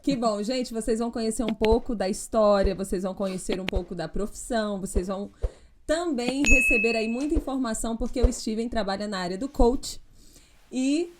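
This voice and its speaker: A woman hosting a podcast as a pastor and psychologist, who talks lively and speaks straight to her listeners. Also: fairly high pitch, brisk, heavy background noise. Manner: lively, addresses the audience directly. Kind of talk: casual podcast interview. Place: podcast studio in a farm-like setting.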